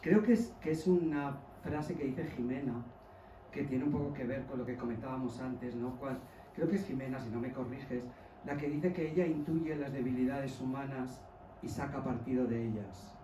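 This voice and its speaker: A man's voice: mid-range voice, moderate pace, echoey room, recorded from a distance, noisy background. A man from Mallorca, a journalist, asking the author questions in a playful, curious way. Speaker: journalist guest. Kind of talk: book presentation talk.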